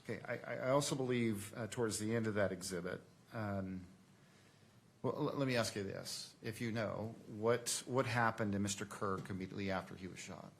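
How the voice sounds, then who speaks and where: Male attorney, lowish voice, halting courtroom cross-examination with repeated, reworked phrases; noisy recording. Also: creaky. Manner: halting, repeats and rephrases questions. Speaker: attorney questioning a witness.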